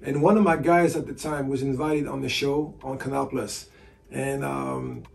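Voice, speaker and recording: Speaking at a normal pace from a hotel room, this Frenchman in his forties works as a sports agent and basketball analyst. His medium-pitched voice is gravelly and darkish with little pitch movement, captured from a distance, as he answers interview questions casually and fills gaps with "you know."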